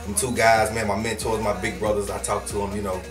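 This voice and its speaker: Being interviewed, this Houston, Texas rapper speaks briskly in a fairly low, level voice, loose and casual with plenty of slang and fillers. He's distant from the mic in an echoey room, with music playing.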